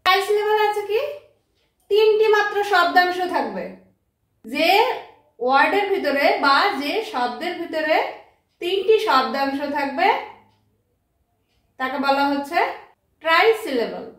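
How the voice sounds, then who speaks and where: A woman teaching a grammar lesson, speaking slowly and spelling out words letter by letter. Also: high-pitched, lively intonation, a bit bright. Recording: very echoey room, mic far off.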